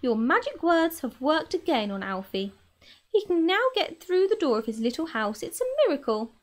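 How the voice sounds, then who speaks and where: Woman putting on a shrill, excited lady. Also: moderate pace. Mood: shrill excitement. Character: excitable, gushing grown woman who adores her tortoise.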